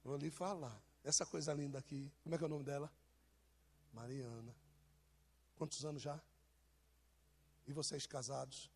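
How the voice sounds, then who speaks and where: A man's voice: medium pitch, steady tone, normal speed, pauses often, a little mellow, breathy edge. A man with a Brazilian accent, preaching an informal sermon and joking with members of his congregation. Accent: Brazilian Portuguese. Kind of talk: informal sermon to a live church.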